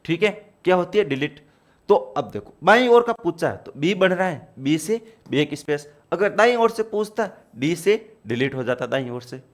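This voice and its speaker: A man's voice: a little high, big pitch swings, normal speed. Man, lecture teacher, explains step by step, repeats key points, slightly raised voice. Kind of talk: exam-prep lecture.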